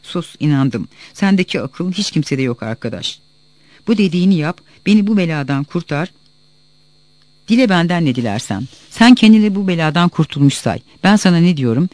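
A man voicing a servile, scheming middle-aged mill clerk from a novel, pleading and lively. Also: a little high, moderate pace, dry recording, close to an everyday voice.

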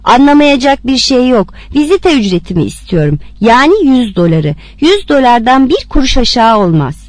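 Woman doing a rough, swearing tough woman. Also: on the high side, very animated, moderate pace, no room sound. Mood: threatening. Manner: rough, threatening, crude. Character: brash tough streetwise woman, coarse and swearing.

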